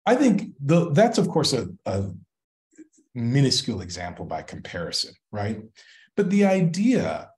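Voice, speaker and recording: A man's voice: medium pitch, huge pitch swings, unhurried, a little mellow. A man in an academic interview, reflective and emphatic, often checking in with "right?". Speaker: guest scholar in conversation.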